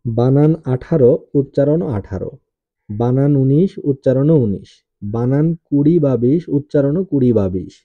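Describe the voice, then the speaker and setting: A man teaching, reciting a spelling and pronunciation drill in a steady, repetitive way, saying each number twice. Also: mid-range voice, moderate pace, dry recording. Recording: tinny phone-like, dry sound.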